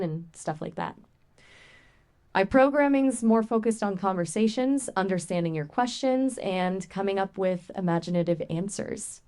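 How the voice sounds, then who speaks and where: A woman speaks as a conversational AI assistant, her fairly low voice chatting casually in a playful, expressive, colloquial way.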